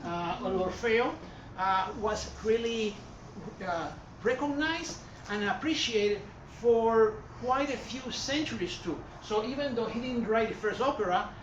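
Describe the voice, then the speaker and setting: An art history presenter from Puerto Rico lectures to an audience in an echoey gallery hall, rambling, correcting himself, and using many fillers in his Puerto Rican Spanish accent. His voice sits high and moves a little slowly. A distant room mic picks him up, leaving the sound dull, echoey, and noisy.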